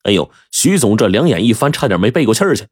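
Brief: male storyteller, husky, very expressive pitch. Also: dry recording, clean studio sound. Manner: lively, with drawn-out sentence endings. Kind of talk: storytelling narration.

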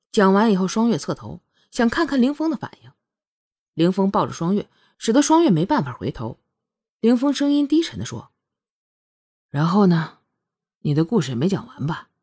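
A woman narrating a romance novel in a calm, measured storytelling voice. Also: a little high, no room sound, studio quality. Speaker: audiobook narrator.

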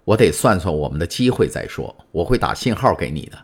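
A man's voice: low-pitched, sing-song, brisk, breathy edge, full character voice. A man voicing a secretive, calculating older male prisoner who speaks in guarded questions in an audiobook. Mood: grave. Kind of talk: audiobook character voice.

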